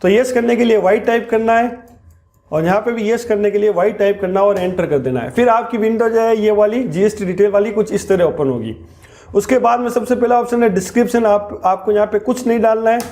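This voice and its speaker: A man teaching accounting software in a screen-recorded tutorial, walking through each step and slowing down on key terms. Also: high voice.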